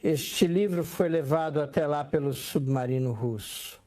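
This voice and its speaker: A man's voice: fairly high pitch, unhurried, warm tone, no room sound. A man speaking in a documentary voice-over.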